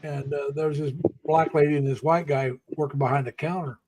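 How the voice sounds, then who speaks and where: Rambling older man, slightly higher voice. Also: fairly even intonation, brisk, darkish tone, low-quality recording. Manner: rambling, storytelling with restarts. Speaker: live stream co-host. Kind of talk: casual chat.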